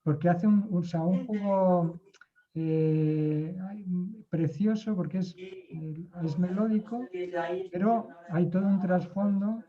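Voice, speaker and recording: Man, slightly high voice, hesitant with fillers, muffled video-call sound, group discussion. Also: fairly even intonation, takes it slowly. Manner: hesitant, many fillers and restarts. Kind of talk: casual discussion.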